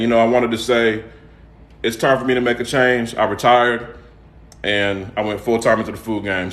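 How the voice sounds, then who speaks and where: A man with a Southern US accent chats casually as the host of a home cooking livestream. His voice sits at a medium pitch, and he talks in a folksy way, repeating points and checking in with little tag questions. The sound is noticeably echoey, as from a room. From United States, raised in Atlanta. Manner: folksy, repeats himself and tags phrases with "okay?" and "all right?". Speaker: home cook and seasoning seller hosting a livestream.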